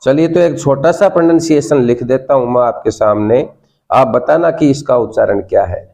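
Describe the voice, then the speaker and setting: A man's voice: mid-range voice, normal speed, creaky, a little mellow. A man with an Indian accent teaching a spoken English class, coaxing the students and repeating prompts for them to say back. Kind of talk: classroom lesson.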